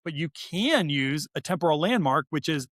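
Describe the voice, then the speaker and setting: A slightly high voice with lively intonation and a fairly bright tone belongs to a podcast guest expert, an author and behavioral scientist, speaking at normal speed. He explains informally and emphatically, often repeating words for stress, in a dry, clean studio recording.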